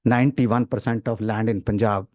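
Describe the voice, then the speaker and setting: A man, a professor giving an academic presentation at a seminar, explaining his points in a measured way with some fillers. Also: lowish voice, steady tone, a little mellow, no room sound. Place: conference room.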